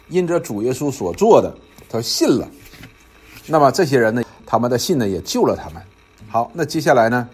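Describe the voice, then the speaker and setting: A man's voice: mid-range voice, a little mellow, breathy edge. A man teaching a Bible study in a conversational, explanatory way, often repeating phrases and using filler particles.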